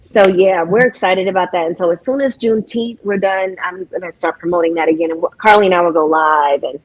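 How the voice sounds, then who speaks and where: A woman's voice: lowish voice, a little fast, poor audio. A middle-aged woman, a singer and guest on a podcast, talking in an emotional, heartfelt way, laughing often and restarting her sentences. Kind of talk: casual podcast conversation.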